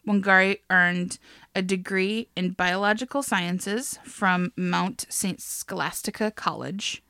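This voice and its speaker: In a mid-range voice that's slow, pushed and bright but smooth, a young woman co-hosts a podcast and tells a life story in a relaxed way. She's chatty, laughs a lot, and swears; the studio sound is clean with no room sound.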